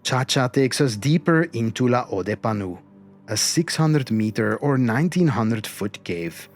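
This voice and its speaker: A man narrating an expedition documentary in a measured, reflective and earnest way, as its host. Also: mid-range voice, lively intonation. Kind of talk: scripted documentary-style narration. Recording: music behind the voice. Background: music.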